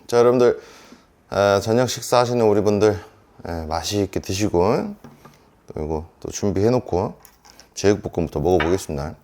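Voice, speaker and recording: A man's voice: lowish voice, animated, moderate pace, darkish tone. A man in his thirties chatting to viewers at home while eating a delivery meal and drinking, in a casual mukbang vlog. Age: 30s. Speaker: mukbang vlogger.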